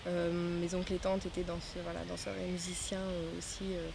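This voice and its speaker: A woman's voice: lowish voice, completely flat delivery, fairly quick, creaky, background noise. A woman in her twenties, a festival volunteer, answering interview questions casually with many hesitant fillers. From France. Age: 20s.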